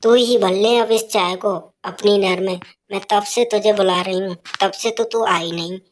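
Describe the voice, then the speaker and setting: A woman's voice: steady tone, moderate pace, lightly acted. A woman doing a nagging old mother-in-law. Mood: scolding. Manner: shrill nagging taunts.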